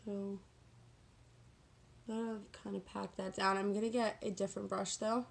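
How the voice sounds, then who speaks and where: A woman's voice: mid-range voice, level tone, normal speed, creaky, a little hiss or hum. A woman giving a casual, chatty get-ready-with-me makeup tutorial, talking in a sassy, slangy, self-deprecating way. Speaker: makeup vlogger.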